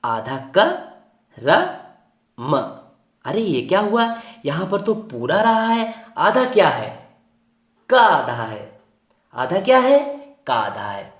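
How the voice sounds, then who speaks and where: Slow, lively Hindi teacher in an echoey room. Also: mid-range voice. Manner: slow, asks questions and answers them. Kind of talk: children's Hindi lesson.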